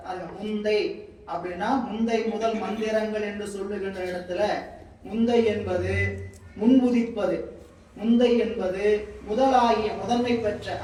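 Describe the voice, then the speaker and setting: High-voiced male spiritual teacher, patient and repetitive; distant mic in a very echoey room, faint hiss. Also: a little mellow. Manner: slow, repetitive explaining with everyday examples. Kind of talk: devotional scripture commentary.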